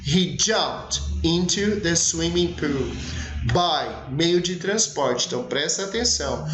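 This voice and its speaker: A Brazilian man teaching English, reading example sentences slowly and clearly and having the class repeat after him. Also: on the high side, a bit bright, roomy sound. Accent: Brazilian Portuguese. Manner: slow, over-articulated English example sentences, brisk Portuguese explanations. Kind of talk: recorded lesson.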